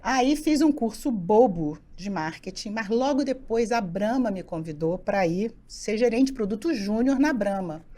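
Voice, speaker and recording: A middle-aged woman telling stories from her career as an interview guest, animated and acting out the dialogue she quotes. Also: mid-range voice, normal speed, few pauses. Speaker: guest, executive coach. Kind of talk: casual interview storytelling.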